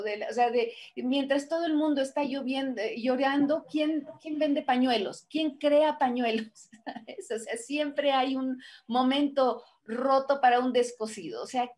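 Animated higher-voiced woman lecturing. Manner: animated, full of rhetorical questions; acts out people's voices and excuses. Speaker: conference speaker. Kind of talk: motivational lecture.

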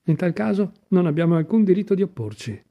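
A man's voice: high-pitched, very animated, quick pace, creaky, highs cut off, pitched above the performer's own voice, exaggerated voice. A man doing a composed examining magistrate. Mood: polite.

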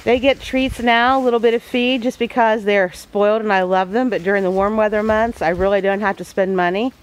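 A woman's voice: mid-range voice, steady tone, fairly quick, rough recording. A woman homesteader giving a casual voice-over, plain-spoken and folksy with homey farm phrasing.

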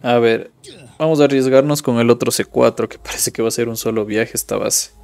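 A young man from Ecuador streams a mobile survival game, talking casually as he loots and reads chat aloud. His voice has a gravelly, fry-edged texture at an ordinary middle pitch. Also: fairly even intonation, brisk, darkish tone. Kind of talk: live mobile game commentary.

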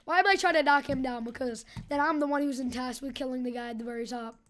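A young woman giving casual gameplay commentary as a channel host, hyper and goofy, joking and bursting into loud yells and silly chants. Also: sits high, fast talker, slight background noise.

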